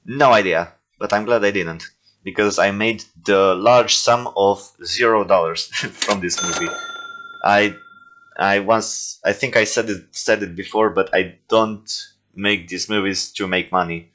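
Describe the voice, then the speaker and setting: Low-voiced man, casual self-mocking commentary. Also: unhurried, a bit bright. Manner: rambling, self-deprecating, joking. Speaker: stop-motion filmmaker reviewing his own movies.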